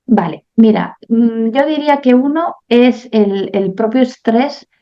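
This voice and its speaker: A woman speaking as a guest on parenting, explaining things calmly and step by step, often checking in with the listener. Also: fairly high pitch, measured pace, dull audio. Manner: calm and didactic, often asks "¿no?". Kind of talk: explanatory interview talk.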